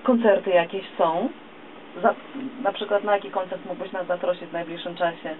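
A woman's voice: on the low side, steady tone, brisk. A woman hosting a radio interview in a small studio, asking questions of a guest. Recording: dull lo-fi camera recording, clear noise.

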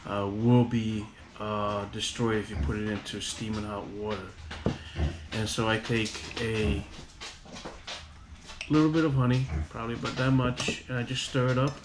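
A man vlogging casually about a home remedy, rambling with halting restarts and fillers. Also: lowish voice, level tone. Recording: audible background noise.

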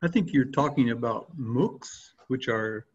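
An older man hosting a casual video-call discussion from a room at home, asking questions in a relaxed way with pauses to think. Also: mid-range voice, husky. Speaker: host of an open online discussion. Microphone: laptop webcam mic on a video call. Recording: dull, lo-fi video-call audio.

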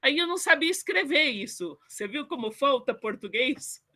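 A woman speaking through her computer mic on a video call in an online book club. Her voice sits a little high and she talks casually, often poking fun at herself. She slows right down when she reads her short poem aloud. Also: expressive, bright, forceful tone. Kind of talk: casual online group chat.

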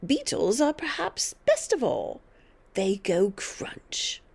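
A woman's voice: on the high side, huge pitch swings, slow, vocal fry, a little mellow, heavily acted. A woman voicing a tiny, bossy, mean old grandmother who scolds and snaps with gloating emphasis in a storybook reading. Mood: gloating relish.

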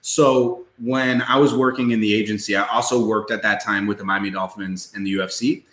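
A man on a podcast as a guest entrepreneur, telling stories in an animated, casual way and swearing freely. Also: on the low side, a little fast. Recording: roomy echo.

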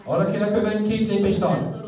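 A woman's voice: mid-range voice, fairly even intonation. A woman children's entertainer running a live party show, playful and teasing as she calls out to the kids. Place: large indoor hall with a crowd and music. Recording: echoey hall, far from the camera, loud crowd and music.

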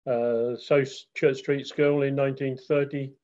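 A man giving a slideshow history talk on a video call, steady, with frequent uh fillers. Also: mid-range voice, a little slow. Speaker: guest presenter. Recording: dull lo-fi call audio.

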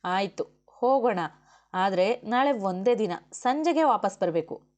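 A woman's voice: mid-range voice, lively intonation, a little slow, darkish tone, natural voice. Brief: woman reader voicing a bossy, short-tempered male official in an audiobook, giving curt orders. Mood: pleading. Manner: commanding, scolding. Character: stern male officer and husband, quick-tempered. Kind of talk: audiobook character voice.

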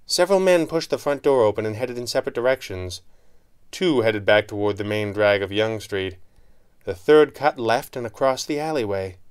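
A man giving steady scripted narration of an adventure story. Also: on the low side, normal speed, clear, resonant tone.

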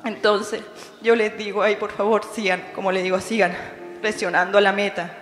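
A woman's voice: mid-range voice, flat delivery, normal speed. Emotional Chilean woman in echoey church. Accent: Chilean Spanish. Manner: heartfelt, emotional, calls listeners "hermano". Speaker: bereaved daughter giving testimony. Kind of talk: memorial testimony to a congregation. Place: church hall. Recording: echoey church hall with faint music.

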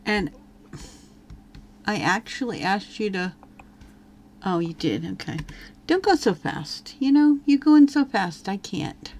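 A woman's voice: medium pitch, lively intonation, slow, long pauses, darkish tone. A woman giving casual gameplay commentary as a let's play host, chatting and talking to her game characters as she plays.

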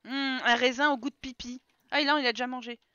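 Woman streamer, high bright voice, chatty live play-by-play, talks to her characters. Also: fairly even intonation, fast, clear, resonant tone, no room sound, highs cut off. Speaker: game streamer. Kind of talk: casual live gameplay commentary.

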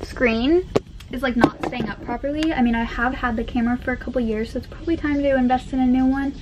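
A woman's voice: sits high, steady tone, quick pace. A young woman vlogging casually from a cruise ship cabin into a handheld camera, chatty and full of "like". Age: young adult. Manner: chatty, filler-heavy with frequent "like". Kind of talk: casual vlog narration. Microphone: handheld vlog camera. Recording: noisy background, wind on deck.

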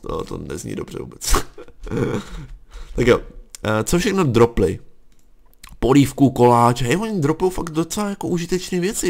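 A young Czech man with a gravelly, fry-edged voice, giving running commentary as he plays. His pitch swings widely, from low mutters to sudden high yelps when something startles him. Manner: excitable, jumps to yelps and curses when startled. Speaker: gaming channel host. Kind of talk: Let's Play commentary.

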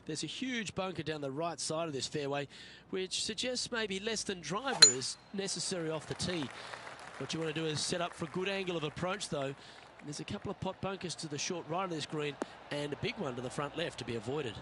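An actor playing a composed male golf broadcaster, giving measured, scripted play-by-play for a video game. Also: a little high, a crowd in the background, background noise, lightly acted. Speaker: golf commentator. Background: game music.

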